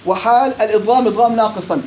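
A man's voice: high voice, darkish tone. A man teaches Quran recitation, drawing out sample words and firing questions at his students. The recording is dull and lo-fi, with a faint hiss underneath. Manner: demonstrates words slowly, repeating them and asking the class questions. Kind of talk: tajweed lesson. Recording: dull lo-fi with faint background noise.

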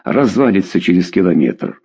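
A man's voice: low voice, very animated, normal speed, warm tone, slightly rough, lo-fi sound, exaggerated voice. A man reading a dry, bored official. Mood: skeptical. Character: dry, skeptical male official.

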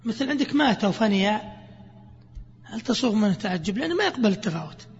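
A man teaching Arabic grammar, asking questions and answering them himself while repeating examples slowly. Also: high-pitched, very animated, a little hiss or hum. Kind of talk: classroom explanation of grammar. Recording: echoey, dull lo-fi lesson recording.

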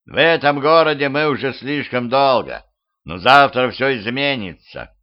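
A man's voice: mid-range voice, expressive, close to an everyday voice. Man growling as a skeletal wolf-faced beast. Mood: cold. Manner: slow, growled delivery. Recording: muffled lo-fi home recording.

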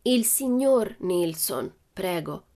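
A woman voicing a cheeky, fearless little girl who talks calmly and teases playfully. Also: mid-range voice, slow pace, pitched above the performer's own voice. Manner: calm, matter-of-fact, playfully teasing.

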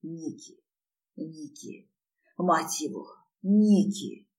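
A woman reading the lines of a desperate young male lover, hoarse and breathless as he pleads. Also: on the low side, slow, distant mic.

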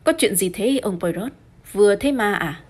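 A woman voicing a calm, stern male police inspector in an audiobook, unhurried and dry. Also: medium pitch, slightly rough. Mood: cool. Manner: cool and unhurried.

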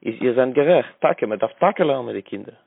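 A man calling in to a radio show, explaining his view in an earnest, somewhat halting way. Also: medium pitch, animated, creaky, breathy edge, no room sound. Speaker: caller. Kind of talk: phone-in talk. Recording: tinny phone line.

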